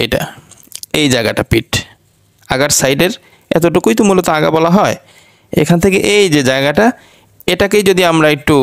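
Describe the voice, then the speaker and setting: A man gives a recitation lesson. His voice is smooth and resonant and sits a little high. He repeats each letter sound slowly and patiently, over and over. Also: no echo, clean studio sound. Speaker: Quran recitation teacher.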